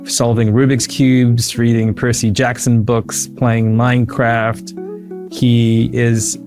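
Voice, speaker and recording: With music playing behind him, a man in his early fifties from Sri Lanka, a founder, talks casually as a podcast guest. He's indoors in his living room on a video call with a close desk microphone, speaking slowly in a mid-range voice with little pitch movement.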